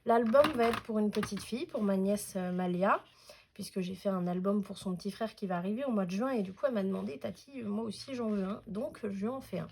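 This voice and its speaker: A woman's voice: mid-range voice, quick pace, darkish tone, a little hiss or hum. A woman hosting a casual scrapbooking tutorial at home, chatty and hesitant, with many fillers.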